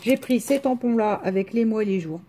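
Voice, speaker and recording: A woman's voice: fairly high pitch, fairly quick, dark tone, a little hiss or hum. A woman with a rural French accent, chatting casually to viewers in a haul video, rambling with hesitations and restarts. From France. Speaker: vlogger showing a craft haul.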